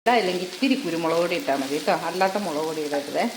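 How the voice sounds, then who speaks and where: A woman's voice: on the low side, racing, roomy sound. A woman talking casually as she cooks, giving tips and explaining her recipe in a chatty way. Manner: chatty, adds a tag to most sentences. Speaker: cooking vlogger. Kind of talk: casual cooking chat. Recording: faint background noise.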